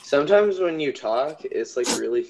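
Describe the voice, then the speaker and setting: A man's voice: medium pitch, lively intonation, normal speed, noisy background. A teenage man on a video call, rambling and full of fillers. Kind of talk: casual video-call book discussion. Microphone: laptop on a video call.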